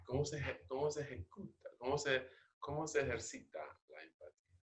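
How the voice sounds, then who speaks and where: A man leading an agile training session, coaching a participant with slow, questioning explanations. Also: medium pitch, sing-song, roomy sound, slight background noise.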